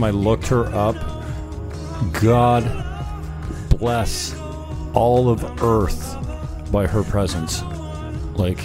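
A man rambles casually and profanely to his viewers in natural, unscripted talk, as host of his own online show. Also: fairly low pitch. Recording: music playing behind the voice. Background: music.

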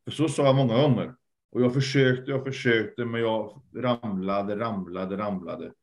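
A man's voice: fairly low pitch, fairly even intonation. A man speaking as a guest in a candid conversation, earnest and reflective, often trailing off and repeating words. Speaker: podcast guest, lecturer.

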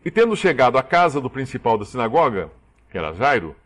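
A man's voice: medium pitch, quick pace. A man preaching a sermon, acting out the dialogue he quotes. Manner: animated, acts out quoted dialogue.

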